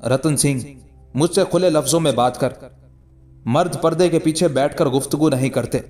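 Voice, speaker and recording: A man voicing a calm, mocking ascetic holy man in a read-aloud historical story, with measured, scornful delivery. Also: on the high side, soft background music, lightly acted. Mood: defiant.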